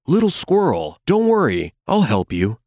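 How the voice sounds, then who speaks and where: A man voicing a calm, kindly male elephant firefighter in a children's cartoon, reassuring and cheerful. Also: mid-range voice, measured pace, dry recording, clean studio sound, exaggerated voice.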